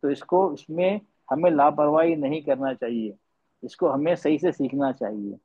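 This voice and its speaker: Male tajweed teacher, high voice, patient and repetitive, dull lo-fi class audio. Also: normal speed. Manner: patient, repeats points, quizzes students; mixes English words into speech. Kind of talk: online class lecture. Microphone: online class audio.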